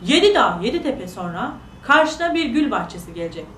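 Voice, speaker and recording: A woman's voice: a little high, very animated, a bit bright, echoey room, slight background noise. A woman voicing a kind wise old man. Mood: instructive. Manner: slow, instructive, earnest.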